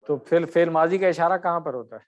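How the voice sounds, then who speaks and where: A middle-aged man teaching Arabic grammar in an online class, correcting and quizzing his students by name. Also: fairly high pitch.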